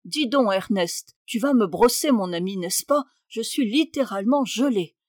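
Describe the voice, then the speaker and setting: A woman's voice: medium pitch, lively intonation, normal speed, darkish tone, dry recording, clean studio sound, close to an everyday voice. A woman voicing a fussy, imperious aristocratic aunt in a read-aloud novel, exclaiming and scolding. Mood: indignant.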